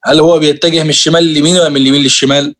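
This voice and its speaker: A man's voice: fairly high pitch, flat delivery, racing, fairly bright tone. A man with an Egyptian Arabic accent teaching a computer lesson, explaining each step and addressing his students directly. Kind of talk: screen-share tutorial lesson.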